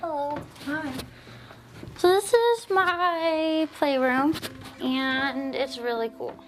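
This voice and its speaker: Slow-talking young American woman, upbeat. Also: high-pitched, fairly bright tone, soft background music. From United States. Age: 20s. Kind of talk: casual tour of her room.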